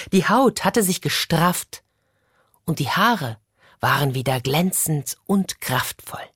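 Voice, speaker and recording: A woman narrating a children's fairy tale with dramatic expression, her voice low and moving in wide swings of pitch. She takes her time over each phrase, and the recording is close and dry. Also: dry recording. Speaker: storyteller.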